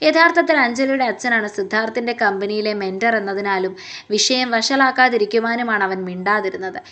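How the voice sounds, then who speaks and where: Woman reading a romance story out loud, highish voice, steady and expressive. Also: fairly quick. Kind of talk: scripted story narration.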